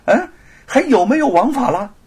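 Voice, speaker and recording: A man's voice: mid-range voice, very animated, normal speed, breathy edge. Man playing a stern righteous scholar. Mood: indignant. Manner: loud, scolding. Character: righteous indignant male scholar, stern and quick to anger.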